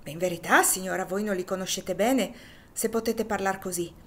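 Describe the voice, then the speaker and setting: A woman's voice: mid-range voice, normal speed, lightly acted. A woman reading the lines of an earnest, compassionate lady who speaks with emphasis.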